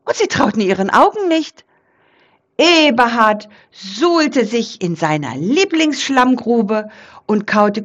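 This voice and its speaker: Slow, lively woman storyteller. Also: medium pitch, highs cut off. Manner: expressive storybook reading with lively voices. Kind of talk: reading a children's Christmas story aloud.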